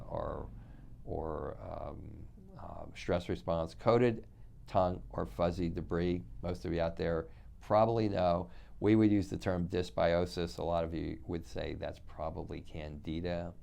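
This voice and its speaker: A man's voice: deep voice, steady tone, unhurried, vocal fry, darkish tone, a little hiss or hum. A middle-aged man giving an unscripted health lesson to viewers, talking in loose, rambling sentences full of restarts and repeated words. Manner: addresses viewers directly. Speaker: functional medicine practitioner.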